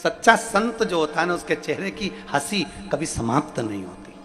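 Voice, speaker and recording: Fervent, bright-voiced male preacher. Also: a little high, sing-song, moderate pace. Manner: fervent, rhythmic repetition, swings between hushed and declaiming. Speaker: religious storyteller preacher. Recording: long hall reverb with faint music.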